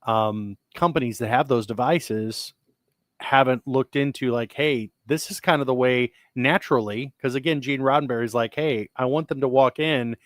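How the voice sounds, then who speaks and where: A man co-hosting a podcast, chatting casually and rambling with frequent restarts as he talks excitedly about sci-fi technology. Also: mid-range voice, normal speed, no room sound. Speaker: podcast co-host. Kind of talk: casual chat.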